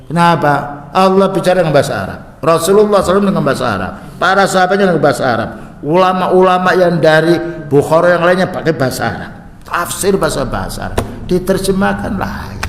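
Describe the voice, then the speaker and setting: A man giving a religious study lecture in a mosque, explaining in Indonesian and reciting Arabic verses slowly and drawn out. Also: fairly high pitch, expressive. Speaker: Islamic religious teacher. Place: mosque hall. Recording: echoey reverberant mosque hall.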